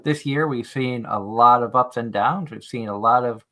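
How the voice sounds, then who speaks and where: A man's voice: medium pitch, moderate pace, fairly bright tone. A man hosting a live stream in casual chat, reading out comments from viewers. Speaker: stream show host.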